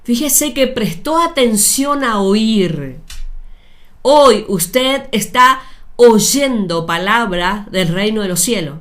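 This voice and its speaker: A woman preaching a sermon, speaking deliberately with repeated phrases and addressing her listeners directly. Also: fairly high pitch, lively intonation, a bit bright.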